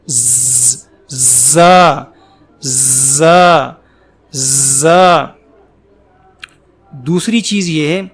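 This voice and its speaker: A man teaching Quran letter pronunciation, drawing out each letter slowly and explaining patiently between them. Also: on the high side. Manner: slow, drawn-out letter recitation.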